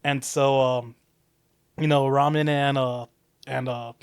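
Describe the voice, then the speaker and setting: A man's voice: mid-range voice, steady tone, slow, clean tone, no echo. Laid-back young man on a dry mic. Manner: hesitant restarts, laid-back explaining. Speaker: podcast co-host. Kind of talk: casual chat.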